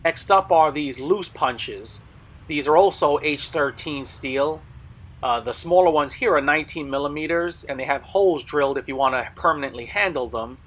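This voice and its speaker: Bright-voiced man presenting items. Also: a little high, normal speed. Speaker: blacksmith video host selling tools. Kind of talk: product showcase narration.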